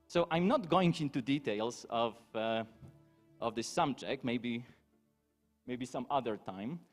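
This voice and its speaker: Animated man presenting in an echoing hall. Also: mid-range voice, unhurried. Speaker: conference speaker. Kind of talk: technical conference talk. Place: conference stage in a hall. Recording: hall reverb with music.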